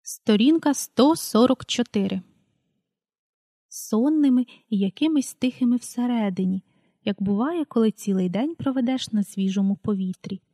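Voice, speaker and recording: A woman reading a children's story aloud in a calm, unhurried way, calling out page numbers as she goes. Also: on the high side, no room sound, clean studio sound. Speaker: audiobook reader.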